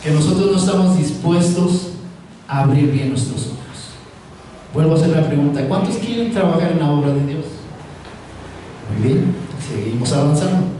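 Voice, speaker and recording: A man's voice: fairly high pitch, animated, normal speed, mellow, a little hiss or hum. A man preaching a sermon, often asking his listeners questions and waiting for their answers. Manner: asks the audience frequent questions. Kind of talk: sermon with call-and-response. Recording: roomy echo, mic at a distance.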